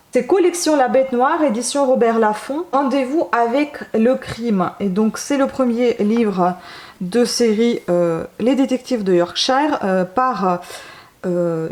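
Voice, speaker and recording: A woman's voice: fairly high pitch, darkish tone. Female vlogger, casual book-haul talk, hesitant delivery, fillers and self-corrections. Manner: hesitant, many fillers and restarts.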